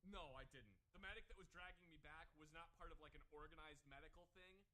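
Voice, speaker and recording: A man, an army veteran, telling rapid, profane stories in a casual stream chat. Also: a little high, bright, forceful tone, low-quality recording.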